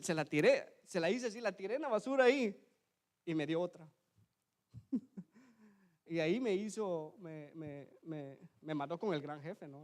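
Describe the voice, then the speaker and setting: A man preaching a sermon in a church, telling a personal story in a conversational way, often asking the brethren to agree and swinging from loud emphasis to quiet asides. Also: fairly high pitch. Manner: conversational, keeps asking ¿verdad? and addressing the brethren.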